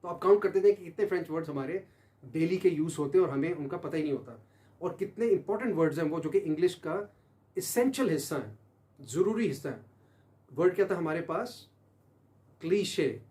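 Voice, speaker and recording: Male teacher, slightly high, dark-toned voice, spells words slowly and repeats them. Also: expressive. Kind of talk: pronunciation lesson.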